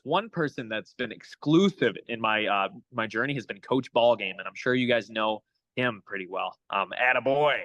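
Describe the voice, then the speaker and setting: A man's voice: medium pitch, sharp tone, no echo, rough recording. A young adult man, a hitting coach, talking as a guest in a casual interview, upbeat and motivational. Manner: upbeat, motivational, pep-talk phrasing.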